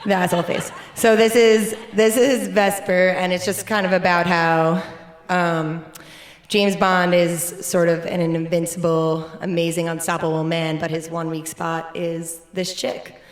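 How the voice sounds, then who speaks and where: A woman's slightly low voice, talking casually from the stage between songs at a live gig. She is chatty and playful and pokes fun at herself as she introduces her music. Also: flat delivery, measured pace. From United States. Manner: self-mocking, playful, chatty. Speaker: singer-songwriter guest. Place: live music venue with audience.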